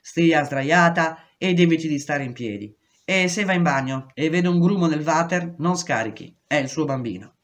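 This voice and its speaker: A woman's voice: deep voice, lively intonation, moderate pace. A woman reading aloud, voicing a dismissive male prison doctor with curt, evasive replies. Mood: cold. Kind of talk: audiobook reading.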